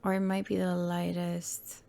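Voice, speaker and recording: In a lowish, monotone voice with a dark tone, a woman hosts her gaming channel a little slowly. Her throat is hoarse and croaky today, and her casual, rambling commentary is full of hesitations and self-corrections.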